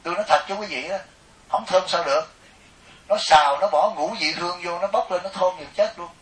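A middle-aged man with a Southern Vietnamese accent, a Buddhist monk telling animated, joking stories in a sermon to a live audience. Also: high-pitched, a little fast. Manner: animated, jokey, acts out quoted people. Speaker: Buddhist monk giving a dharma talk. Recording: echoey hall, mic at a distance.

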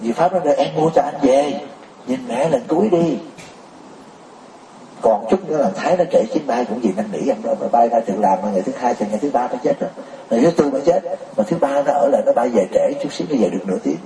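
A Buddhist teacher delivers a sermon to a congregation, pressing listeners with rhetorical questions and laughing often. He talks very fast and very animatedly in a mellow, mid-range voice. The recording is roomy and distant-miked, with a little hiss or hum.

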